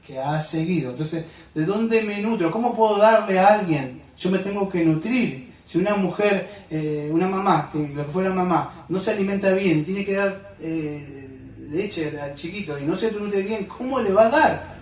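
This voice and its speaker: A man's voice: high-pitched, moderate pace. A male pastor preaching a sermon, asking his listeners rhetorical questions and calling them beloved. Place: church sanctuary. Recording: echoey church hall, from a distance.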